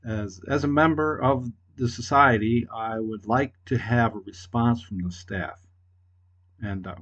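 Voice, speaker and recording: A man's voice: medium pitch, fairly bright tone. A man leaving a long, hesitant voicemail over a landline phone, stopping often with fillers. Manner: hesitant, halting, many fillers. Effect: heard over a landline phone. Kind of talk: rambling phone message. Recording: muffled phone-line audio.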